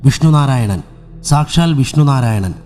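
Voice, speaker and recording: A man's voice: mid-range voice, expressive, unhurried, darkish tone, in a large hall, soft background music, close to an everyday voice. A man doing Dasan, a stern sorcerer's servant. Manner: stern, reproachful.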